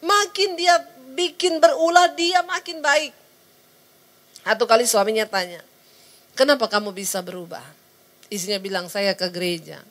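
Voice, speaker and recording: A woman's voice: a little high, normal speed, pauses often. A woman preaching a sermon, telling stories, acting out the people in them and calling the congregation to say amen. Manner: sings short hymn lines within the story; calls the congregation to answer amen.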